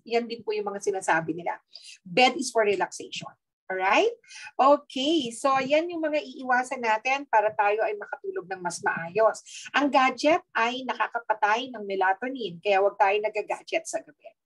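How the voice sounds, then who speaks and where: A woman with a Filipino accent giving a lively, chatty health talk, mixing in teasing asides and frequent tag questions. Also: a little high, poor audio. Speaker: health speaker.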